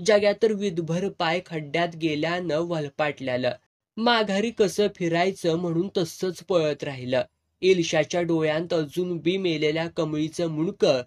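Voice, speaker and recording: A man with a fairly high voice tells a dramatic village story, painting scenes in vivid, earthy rural language. His delivery is expressive storytelling, steady through the narration.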